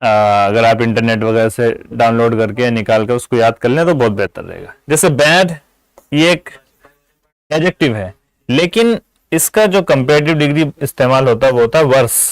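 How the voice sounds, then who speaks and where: A man giving an English grammar lesson, explaining patiently in Urdu-flavoured Hindi and repeating example words slowly. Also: medium pitch, dry recording, poor audio. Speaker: English teacher.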